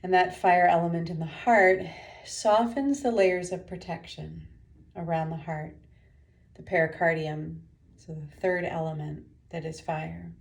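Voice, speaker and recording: This woman, teaching a guided meditation, gives gentle, unhurried instructions with pauses. Her voice is on the low side and gravelly, with fairly even intonation.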